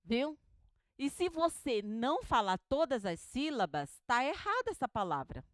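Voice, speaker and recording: A woman teaching a homiletics class, animated and questioning, who drills words syllable by syllable with her students. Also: high voice, a little slow, dry recording. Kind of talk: classroom lecture.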